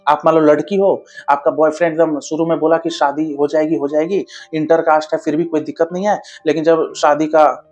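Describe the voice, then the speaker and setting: A man's voice: a little high, little pitch movement, brisk, hardly any pauses, darkish tone, soft background music. A man giving blunt, casual relationship advice straight to his viewers, keeps checking they understand and calls them brother.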